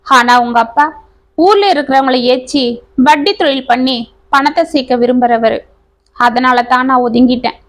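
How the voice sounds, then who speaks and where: A woman voicing an older village man, an honest and proud uncle, speaking in an earnest, measured way. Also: sits high, natural voice.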